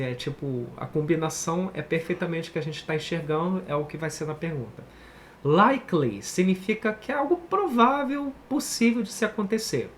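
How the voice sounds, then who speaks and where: Animated Brazilian man teaching English. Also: a little high, slight background noise. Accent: Brazilian Portuguese. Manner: animated, chatty, repeatedly checking in with the viewer. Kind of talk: casual online language lesson.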